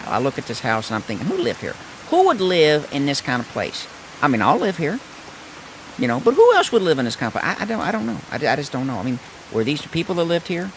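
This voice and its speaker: Brief: raspy old country fellow, rambling and stammering, lively sing-song delivery, put on by a hoarse man. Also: on the high side, fast talker, a little hiss or hum, voice pushed up, poor audio.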